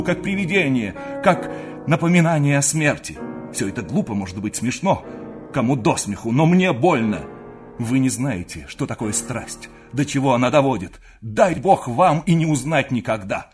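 A man's voice: medium pitch, voice pushed up. A man playing a desperate, pleading young suitor in an audiobook reading, speaking with raised passion.

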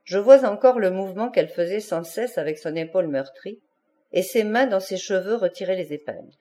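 A woman narrating an audiobook in an even, measured way. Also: mid-range voice. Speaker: audiobook reader.

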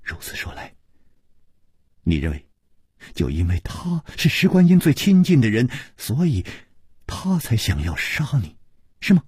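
A male storyteller voicing an agitated young man who stammers and shouts his questions, in a much higher voice than his own. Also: wildly swooping pitch, a little slow, pauses often, slightly rough, no echo, studio quality, heavily acted.

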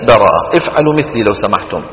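A man with a Levantine accent teaches Quran recitation, asking the class questions and then chanting verses slowly for them to repeat. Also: lowish voice, big pitch swings, muffled recording. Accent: Levantine Arabic. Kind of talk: teaching lesson with recited examples. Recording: roomy hall reverb.

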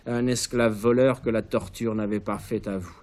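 Male reader as a calm, reasoning male conspirator with a measured delivery. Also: lowish voice, close to an everyday voice. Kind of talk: author reading his play aloud.

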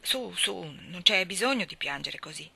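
Woman reader doing a curt, brisk middle-aged farm woman, sharp and bright-toned. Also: on the low side, expressive, gravelly, husky, exaggerated voice. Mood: gruff. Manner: curt, exclaiming.

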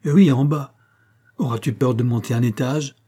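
A man voicing a kind invalid lady who speaks gently but firmly to her young servant, in a read-aloud novel. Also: medium pitch, moderate pace, slightly rough, lightly acted. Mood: gentle, firm. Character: kindly invalid lady, firm yet tender.

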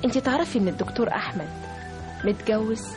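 An actress playing a frank young woman friend who urges calm, in an old radio drama. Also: fairly high pitch, fast, lightly acted. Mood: firm. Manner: firm, urging calm. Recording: radio drama with music behind.

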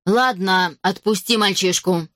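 Женщина, изображающая зловещую пожилую злодейку. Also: female voice, medium pitch, fairly bright tone, dry recording, studio quality, natural voice. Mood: menacing. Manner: slow, menacing, hissing. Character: cold, haughty elderly female villain leader.

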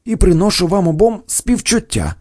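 A man's voice: high-pitched, sing-song, moderate pace, darkish tone, no room sound, clean studio sound, voice pushed up. A man doing a haughty young aristocrat. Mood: indignant. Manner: indignant, breezy. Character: haughty young aristocrat, proud of his family.

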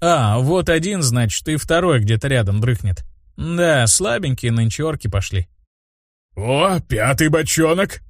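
A male narrator reads a first-person fantasy audiobook. His delivery is lively and expressive, with pitch that moves widely. The sound is dry and close, with no room around it. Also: moderate pace, dry recording.

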